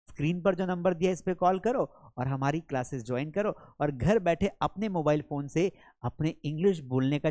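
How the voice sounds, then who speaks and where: A man's voice: a little high, a little mellow, dry recording. Dry-voiced male teacher quizzing students. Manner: repetitive quizzing, drills sentences slowly. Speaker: English teacher. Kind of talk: spoken English lesson.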